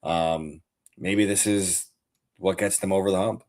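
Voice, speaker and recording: A man's voice: sits low, fairly even intonation, a little slow, darkish tone. A man, a former hockey player, talking hockey with an easygoing, teasing manner. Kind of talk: casual sports chat.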